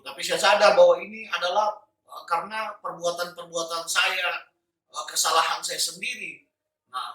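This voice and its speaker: A man's voice: sits high, sharp tone. A man sharing a personal religious testimony, in an earnest manner with fillers and restarts. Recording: echoey room, distant mic.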